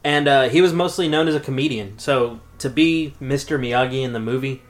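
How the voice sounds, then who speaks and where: A man in his thirties co-hosts a podcast, chatting casually about a movie. He's laid-back and profane, laughs often, and speaks briskly at a medium pitch.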